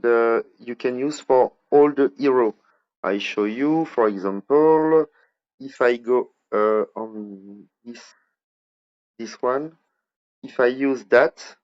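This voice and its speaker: A man's voice: mid-range voice, darkish tone, lo-fi sound. A man with a French accent giving a casual, rambling tutorial on a strategy game, chatting as he clicks through menus. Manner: rambling, chatty, self-admitted over-talker. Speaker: mobile strategy game YouTuber. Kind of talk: casual game tutorial over screen capture.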